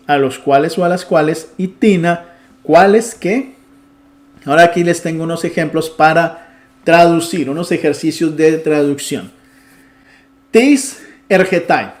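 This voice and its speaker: A man giving a Bible Greek lesson in Spanish, explaining patiently step by step and reading Greek words out slowly. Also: a little high, a little mellow. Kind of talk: online language lesson.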